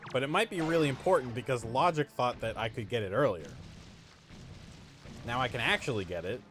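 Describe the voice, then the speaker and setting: Male streamer, mid-pitched, casual and self-mocking, bantering with chat during live gameplay. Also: a bit bright. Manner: joking, self-mocking, chatty. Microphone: home streaming mic.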